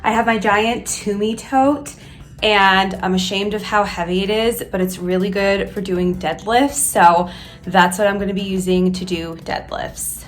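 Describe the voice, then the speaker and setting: A woman's voice: medium pitch, steady tone, unhurried, faint music behind. A woman who works as a flight attendant, chatting candidly through her workout routine in a hotel room. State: out of breath at times. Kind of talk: casual workout vlog.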